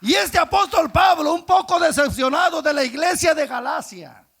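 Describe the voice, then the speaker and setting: A male evangelist preaching a sermon, swinging from hushed speech to impassioned shouting. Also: very high voice, animated, moderate pace, creaky. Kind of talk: Pentecostal-style sermon.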